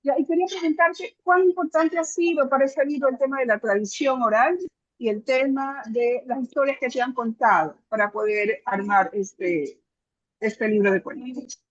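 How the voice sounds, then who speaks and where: A woman's voice: high voice, normal speed, dry recording, muffled recording. A woman interviewer asking long, winding, admiring questions of an author. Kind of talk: literary interview.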